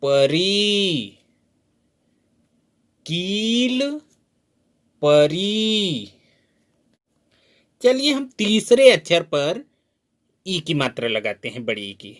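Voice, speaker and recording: Man, teacher, spoken lesson, drawn-out syllables, fairly high voice, very slow pace. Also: wildly swooping pitch. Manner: drawn-out, sounded-out syllables and questions to the learner. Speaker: Hindi teacher.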